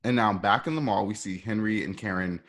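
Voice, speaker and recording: A man with a lowish, somewhat bright voice moves briskly through the stage directions of a radio play. He narrates this live screenplay table-read informally, chatting and making asides to the listeners.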